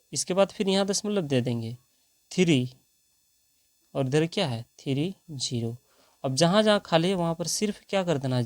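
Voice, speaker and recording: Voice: medium pitch, slight background noise. A math teacher, working through problems step by step and asking rhetorical questions along the way.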